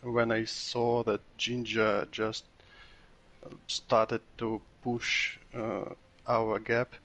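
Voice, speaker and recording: A man who just won a race, answering interview questions slowly and haltingly with many uhs, sounding tired. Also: lowish voice, flat delivery, fairly bright tone. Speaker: race winner being interviewed.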